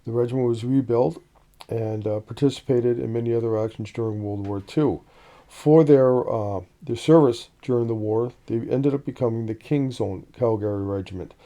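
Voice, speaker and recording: Hesitant man with a very dark voice. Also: mid-range voice, normal speed. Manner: relaxed, hesitant, many "uh" fillers. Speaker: badge collector presenting a video series. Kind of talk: casual show-and-tell explanation.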